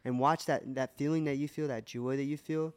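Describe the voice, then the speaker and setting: A man's voice: medium pitch, steady tone, a little fast, darkish tone, clean tone. Earnest man sharing faith on a podcast. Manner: earnest, emotional testimony with many restarts. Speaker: podcast co-host. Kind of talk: casual faith podcast talk.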